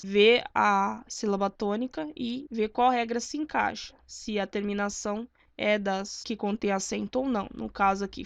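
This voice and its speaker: A woman's voice: medium pitch, gravelly, no room sound, lo-fi sound. Didactic woman teaching grammar. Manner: didactic, checks in with "né?" and "certo?". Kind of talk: explaining spelling rules at a board.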